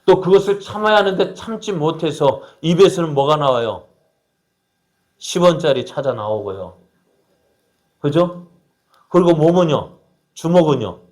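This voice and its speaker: A man with a fairly high voice preaches in church. He keeps asking his listeners questions and briefly acts out the lines of the people in his story. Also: animated, unhurried, long pauses, a little mellow. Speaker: pastor. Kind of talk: sermon.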